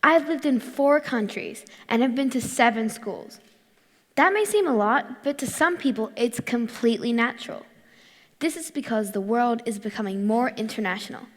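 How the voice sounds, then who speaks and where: A teenage girl from Morocco and Australia giving a clear, rehearsed talk on stage. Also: fairly high pitch, lively intonation, moderate pace, long reverb tail. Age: teens. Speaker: youth speaker. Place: large hall.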